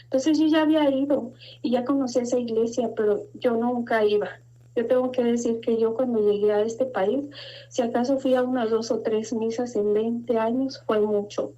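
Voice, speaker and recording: A middle-aged woman giving an earnest, halting personal testimony of faith and fear, her voice rising as she recalls her fears. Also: a little high, fairly even intonation, mellow. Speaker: guest giving a religious testimony. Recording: dull lo-fi sound.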